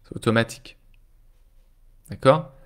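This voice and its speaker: A male life coach giving a live-streamed talk, speaking informally to viewers and checking in with them often. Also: measured pace.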